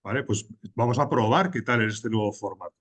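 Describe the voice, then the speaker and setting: A man with a lowish voice hosts a business podcast, speaking a little fast over crowd noise. He asks interview questions in a casual, conversational way, rephrasing them as he goes.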